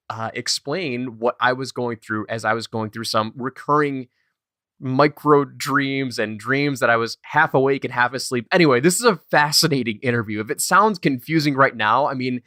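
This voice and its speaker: A man hosting a business podcast, delivering an energetic intro and then interviewing a guest. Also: mid-range voice, normal speed, no echo, clean studio sound. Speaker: podcast host.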